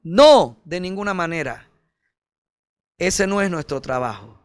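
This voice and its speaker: Male pastor, sermon delivery, higher-pitched voice, dry close sound, direct and earnest, calls listeners brother. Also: lively intonation, measured pace, no room sound. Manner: earnest preaching, rising to emphatic peaks then dropping soft.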